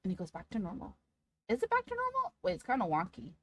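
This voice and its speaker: A woman livestreamer chatting casually with her audience in a cute, playful, excitable anime-streamer manner. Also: mid-range voice, quick pace. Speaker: livestreamer talking to chat.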